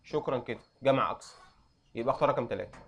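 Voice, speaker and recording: A young adult man with an Egyptian accent, teaching an Arabic grammar lesson and quizzing students with quick questions. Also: mid-range voice, vocal fry, fairly bright tone. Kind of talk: classroom lesson.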